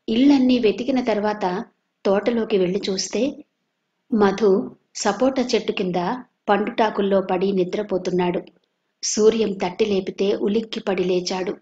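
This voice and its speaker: A woman from Andhra Pradesh, India, narrating a serialized audio novel at a steady, even pace. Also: medium pitch, normal speed, pauses often. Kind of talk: storybook narration. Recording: dull lo-fi recording.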